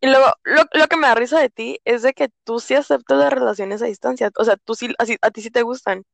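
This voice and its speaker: A woman's voice: fairly high pitch, fairly even intonation, quick pace, gravelly, no echo. A woman hosting a casual podcast interview, chatty, playful and teasing. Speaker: podcast host.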